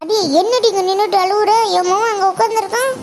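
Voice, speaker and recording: A woman's voice: very high voice, steady tone, fast talker. A woman voicing a bossy, nagging old mother-in-law in a cartoon, scolding shrilly. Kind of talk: cartoon voice acting. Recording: audible background noise.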